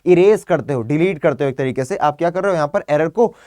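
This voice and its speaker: Young male teacher, a bit high-pitched, dry close mic; lively exam-prep vocab lesson full of rhetorical questions and spelled-out words. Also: fast talker, no echo. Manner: lively, often asks the class rhetorical questions; mixes Hindi with English, spells words out letter by letter.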